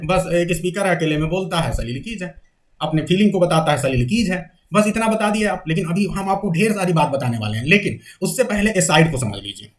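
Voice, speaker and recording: A male literature teacher giving a classroom lecture, often checking that students follow and slowly dictating definitions for them to write down. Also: high voice.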